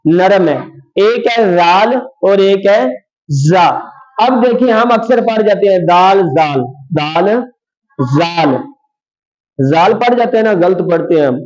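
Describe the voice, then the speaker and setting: A man teaching how to pronounce letters for reciting the Quran, repeating each sound slowly and clearly for learners to copy. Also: sits high, darkish tone. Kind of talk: lesson on letter pronunciation. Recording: dull lo-fi sound.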